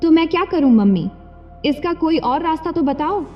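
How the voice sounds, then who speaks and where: A casual young son who answers back with an easy, teasing calm, as a woman acts him out. The voice sits high and bright for a young man. It comes through a dull, lo-fi recording with a long reverb tail. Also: normal speed, faint music behind. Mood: cheeky. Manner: teasing, unbothered.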